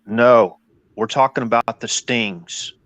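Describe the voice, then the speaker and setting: A man's voice: mid-range voice, slow, a bit bright, dry recording. A man chatting casually on a livestream in a folksy, colloquial way. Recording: dull lo-fi dry sound.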